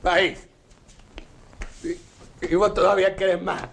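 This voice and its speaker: An actor playing a bitter, disillusioned working-class husband with a Rioplatense Argentine accent, talking with sarcasm and scorn. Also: male voice, sits high, flat delivery, takes it slowly, creaky, a bit bright, heavily acted. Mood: mocking. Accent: Rioplatense Argentine Spanish. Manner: sarcastic, scornful, repeats words. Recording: 1980s film soundtrack, faint hiss.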